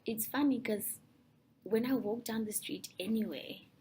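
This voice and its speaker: A young South African woman whose first language is Afrikaans answers interview questions thoughtfully, softly and breathily, often restarting her sentences. Her voice is on the high side and her pace measured.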